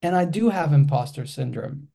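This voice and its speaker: A man's voice: on the high side, lively intonation, moderate pace, creaky, dark tone. A Greek-accented man in his forties, a filmmaker guest in an interview, speaking hesitantly with many restarts. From Greece.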